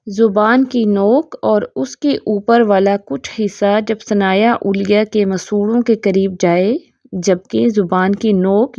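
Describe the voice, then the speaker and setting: A woman teaches a tajweed lesson, explaining each point patiently and often pausing to check in. Her voice sits at a medium pitch. The recording is dull and dry, with no room sound. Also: darkish tone, dry recording. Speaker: Quran recitation teacher.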